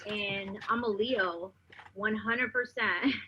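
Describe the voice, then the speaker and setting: Woman rapper guest, South African-born, sharp bright tone, chatty, lo-fi radio feed. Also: medium pitch, slow, slight background noise. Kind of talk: radio interview.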